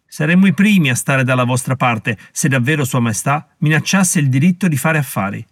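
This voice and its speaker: A man's voice: medium pitch, animated, brisk, no echo, clean studio sound, natural voice. A man voicing a stern, haughty colonial official who lectures and threatens with scorn in an audiobook reading.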